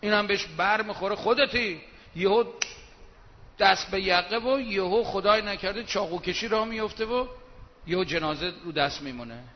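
A man preaching a sermon from the pulpit, reciting verse slowly and then talking fast and colloquially, moving between soft asides and loud emphatic bursts. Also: high voice, a little hiss or hum. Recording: dull reverberant hall recording.

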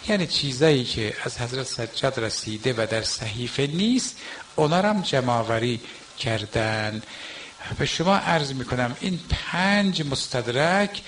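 An older man, a cleric, preaching a Muharram mourning sermon at a gathering, emphatic and swinging between quiet asides and raised exhortation. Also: medium pitch, lively intonation, slight background noise.

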